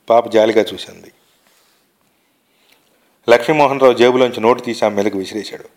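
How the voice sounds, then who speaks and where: A man reading a short story aloud in a measured, unhurried way. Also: medium pitch. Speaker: reader of short stories. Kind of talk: literary narration.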